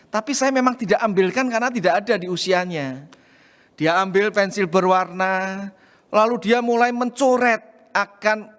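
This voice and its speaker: A middle-aged man preaching a sermon, telling a story with animated rises when excited. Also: sits high. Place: church. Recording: long reverb of a church hall.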